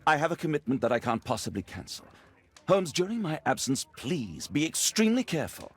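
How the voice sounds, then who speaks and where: An actor playing an earnest, courteous, concerned English doctor with a British accent in a game cutscene. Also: male voice, fairly high pitch, very animated, fairly quick, slightly rough. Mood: alarmed, earnest. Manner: polite, earnest. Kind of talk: dramatic game cutscene acting.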